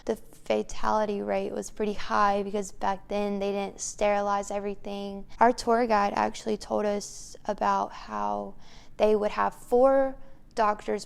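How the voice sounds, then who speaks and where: A woman's voice: mid-range voice, gravelly, smooth. A woman co-hosting a vlog, telling a story casually and matter-of-factly in a room of an old house. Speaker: vlog co-host. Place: room inside an old mansion.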